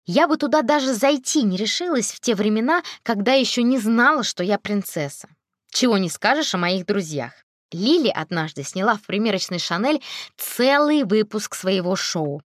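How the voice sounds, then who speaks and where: A woman's voice: medium pitch, no echo, clean studio sound. A woman narrating a first-person audiobook in a wry, conversational manner.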